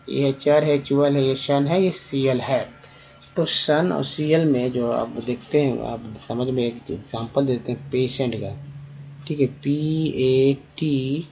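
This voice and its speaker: A man teaches English reading over slides, patiently spelling words letter by letter and asking questions he then answers himself. His medium-pitched voice is a little mellow, though the audio is poor, with slight background noise.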